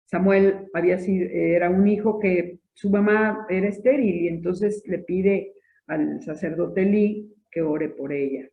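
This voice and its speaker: Catechist, male, fairly high pitch, explanatory and engaging, recorded in a roomy space on a phone-like line. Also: steady tone, a little slow, creaky. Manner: explanatory, checks in with listeners. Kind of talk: catechesis talk to a congregation. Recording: echoey room on a tinny lo-fi line.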